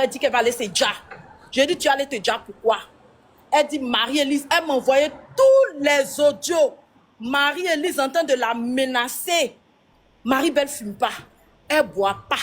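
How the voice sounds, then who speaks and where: A woman's voice: fairly high pitch, husky. A woman in an emotional live stream rant, agitated, talking over others and repeating herself.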